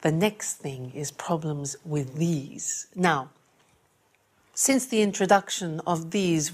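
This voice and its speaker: A woman teaching an English lesson, speaking clearly and repeating key phrases for learners. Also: on the low side. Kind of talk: classroom lesson.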